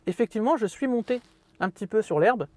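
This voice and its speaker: Man, car vlog host, high pitch, dry close sound, jokey asides, easygoing walkthrough. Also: animated, fast talker, darkish tone, dry recording. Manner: chatty, joking, self-mocking asides. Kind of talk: casual product walkthrough. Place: inside a parked car.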